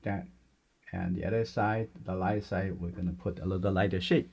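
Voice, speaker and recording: Gentle, low gravelly male painting instructor. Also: steady tone, normal speed. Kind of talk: step-by-step painting demonstration, unscripted.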